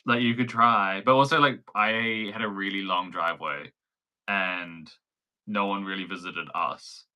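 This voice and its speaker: This crochet pattern designer, a young man with a New Zealand accent, chats and giggles his way through a casual livestream, full of likes and ums. He speaks in a low, sharp voice with a steady tone and measured pace.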